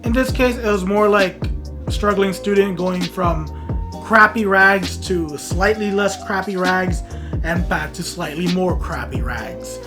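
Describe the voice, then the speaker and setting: A woman in her twenties telling a comic story on her vlog, self-mocking and dramatic, dropping to mumbles and rising to loud outbursts. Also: lowish voice, a little slow, over music. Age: 20s. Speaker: vlogger.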